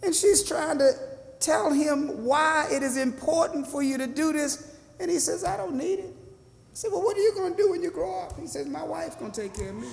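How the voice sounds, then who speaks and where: Older pastor preaching in an echoey church. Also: male voice, extremely high pitch, lively intonation, moderate pace, gravelly. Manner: rising to fervent emphasis, drawing answers from the congregation. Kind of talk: sermon with call and response. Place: small church sanctuary.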